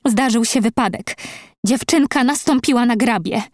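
A woman voicing a stern, commanding female schoolmistress who barks sharp orders. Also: a little high, moderate pace, no echo, clean studio sound, close to an everyday voice.

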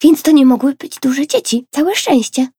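Woman reader voicing a cheerful small girl, chatty, lively, raspy. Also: high voice, moderate pace, no echo, studio quality, pitched above the performer's own voice, full character voice. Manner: chatty, pleased.

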